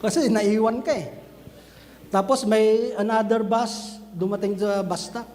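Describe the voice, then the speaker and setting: A man preaching a sermon to a church group, talking to the brethren and acting out scenes in an animated way. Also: high voice, measured pace, in a large hall. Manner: switches between Filipino and English, addresses listeners as brethren; animated, acts out scenes with raised voice. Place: church cell group gathering.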